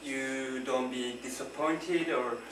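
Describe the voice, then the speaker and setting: In a noisy, echoey classroom recorded from afar, a young Korean-accented man hesitantly presents vocabulary words to classmates, clearly nervous. His mid-range voice moves slowly with fairly even intonation.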